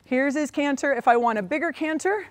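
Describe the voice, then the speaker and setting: A woman riding instructor teaching a lesson while lunging a horse, talking calmly and stopping often to praise the horse. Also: high voice, brisk, no room sound.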